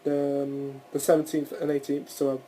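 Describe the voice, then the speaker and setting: A man's voice: mid-range voice, monotone, brisk, mellow, a little hiss or hum, rough recording. A young man hosting a casual solo podcast, rambling through his thoughts with frequent restarts and the odd swear word. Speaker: podcast host.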